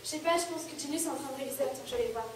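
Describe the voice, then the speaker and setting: A young woman in a student sketch, playing a mother who tries to calm her family. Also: high-pitched, rapid-fire, natural voice. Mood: placating. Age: young adult. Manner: gentle, placating. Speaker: student actor. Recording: echoey room, distant mic, some noise.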